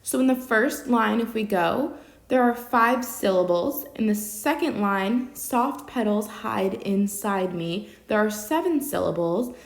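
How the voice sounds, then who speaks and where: A woman's voice: fairly high pitch, expressive, a little slow, creaky. A woman teaching an online poetry lesson, explaining each rule patiently and step by step. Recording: very echoey room.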